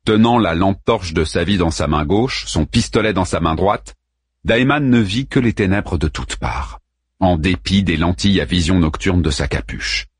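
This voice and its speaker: A man narrating an audiobook in an expressive reading. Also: low voice, normal speed, slightly rough, dry recording, clean studio sound. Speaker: audiobook reader. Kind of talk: scripted narration.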